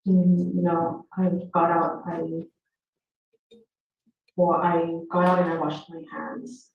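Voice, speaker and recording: A woman answering questions as a witness on a courtroom recording, giving short, hesitant replies with frequent pauses. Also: fairly low pitch, completely flat delivery. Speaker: trial witness. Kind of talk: courtroom testimony under questioning. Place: large courtroom, indoors. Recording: echoey courtroom, far from mic, muffled.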